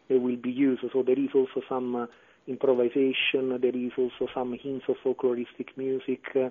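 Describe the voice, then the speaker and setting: Guy, clarinet player on a radio interview, lots of uh and restarts, flat tone, tinny phone sound. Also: mid-range voice. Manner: hesitant, many fillers and restarts. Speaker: clarinetist and composer guest. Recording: phone-line radio audio.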